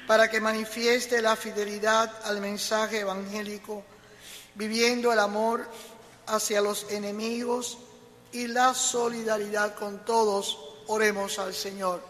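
Un hombre que lee las peticiones de la misa de forma lenta y pareja, con eco de catedral. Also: male voice, high voice. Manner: slow, even reading. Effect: cathedral echo. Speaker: lector. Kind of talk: reading prayers of the faithful. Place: large church. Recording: long church reverb.

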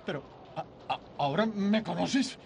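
A man's voice: high-pitched, lively intonation, measured pace, gravelly, slight background noise, full character voice. An actor playing an emotional middle-aged family man in a dubbed classic film, intense and pleading. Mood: joyful.

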